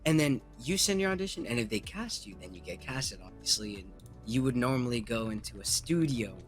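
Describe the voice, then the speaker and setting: Casting: man in a casual interview, mid pitch, loose rambling delivery, faint music behind. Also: lively intonation, brisk. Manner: rambling, many fillers and restarts. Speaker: guest, aspiring voice actor.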